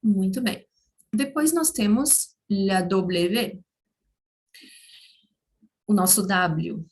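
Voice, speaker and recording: A woman teaching a language lesson, patiently explaining letter sounds and repeating example words slowly for learners. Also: medium pitch, animated, darkish tone. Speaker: Spanish teacher.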